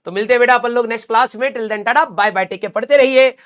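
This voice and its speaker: A man teaching exam students, giving a motivational talk in a blunt, scolding yet affectionate way, often checking in with "clear?" and "theek hai", mixing in English. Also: very high-pitched, fast talker, fairly bright tone.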